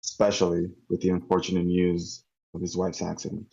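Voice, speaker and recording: A well-spoken male narrator in his late thirties, read by a man at a table read, telling events in a measured, formal tone. His voice is very low and dark, with a husky grain. It comes through dull, lo-fi online call audio. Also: monotone, exaggerated voice. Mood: solemn. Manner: measured, formal documentary-style delivery. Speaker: volunteer reader at a script table read. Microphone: computer mic in an online meeting.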